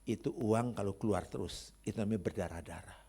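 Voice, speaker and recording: A middle-aged man preaching, telling stories and acting out dialogue, then praying loudly and fervently. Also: fairly low pitch, fairly quick, vocal fry, slightly rough. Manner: storytelling, acting out dialogue, laughing at own stories; loud fervent prayer. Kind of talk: sermon with testimony and prayer.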